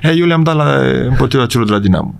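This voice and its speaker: A middle-aged man, a football coach, talking in a casual podcast interview, emphatic and rambling with frequent restarts and quick check-ins with the host. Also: mid-range voice, lively intonation, gravelly, a little hiss or hum. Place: studio.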